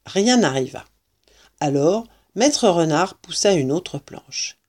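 A woman reading a children's storybook aloud as narrator, slowly and expressively. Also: lowish voice, expressive, darkish tone.

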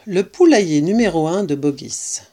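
A woman reading a children's storybook aloud as narrator, slowly and expressively. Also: fairly low pitch, lively intonation, warm tone, slightly rough.

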